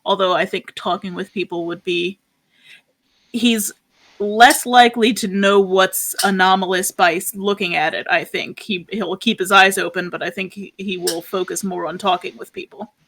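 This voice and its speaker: A woman's voice: medium pitch, fairly even intonation, moderate pace, fairly bright tone. A woman playing a tabletop game, reasoning aloud about her character. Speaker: player.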